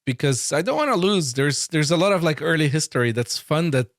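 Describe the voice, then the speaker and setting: A man from Brazil, hosting a casual tech podcast, enthusiastic and quick to laugh. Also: fairly high pitch, expressive, dry recording, clean studio sound. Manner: enthusiastic, laughs often, repeats words. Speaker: podcast host.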